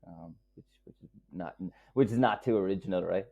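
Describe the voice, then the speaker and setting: Kerry guy, west of ireland accent, lowish voice, rambly hesitant podcast guest chat, tinny phone sounding audio. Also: moderate pace, creaky, warm tone. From Killarney, County Kerry, Ireland. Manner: hesitant, rambling, with repeated words. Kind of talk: casual conversational interview. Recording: narrow phone-like call audio.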